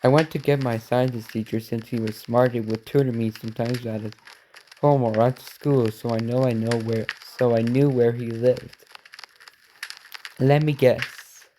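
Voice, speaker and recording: Male reaction host; reads a story aloud haltingly, self-corrects, drops quick asides; mellow tone. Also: mid-range voice, fairly even intonation, a little hiss or hum.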